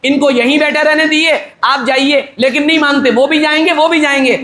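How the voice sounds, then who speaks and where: A middle-aged male cleric preaching at a wedding in a very high, bright voice. He talks with forceful energy and jokes with the crowd. He throws in rhetorical questions and acts out little dialogues. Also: steady tone, roomy sound. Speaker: Islamic cleric officiating a wedding. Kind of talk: wedding sermon, conversational.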